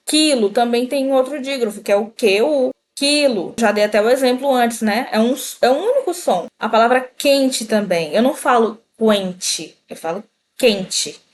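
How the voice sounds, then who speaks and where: A woman teaching a Portuguese grammar lesson, slowly pronouncing example words and speaking directly to the viewer. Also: medium pitch. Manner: slow, deliberate pronunciation of example words; explanatory, addresses viewer directly.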